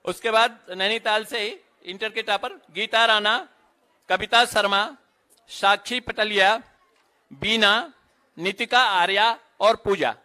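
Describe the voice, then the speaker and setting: A man announcing students' names one by one at an award ceremony, with brief instructions to the children between names. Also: high-pitched. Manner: steady roll-call of names, brisk stage directions. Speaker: event announcer.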